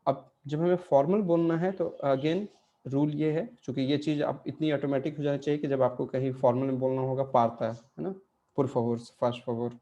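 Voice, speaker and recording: A man's voice: mid-range voice, fairly even intonation, normal speed, warm tone, dull audio. A man teaching an online language class, explaining grammar step by step and answering his own questions.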